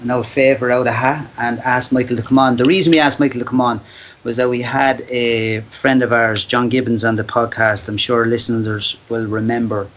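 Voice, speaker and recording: A man with an Irish accent hosting a casual podcast interview, often halting as he searches for words. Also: medium pitch, flat delivery, a bit bright, poor audio. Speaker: podcast host.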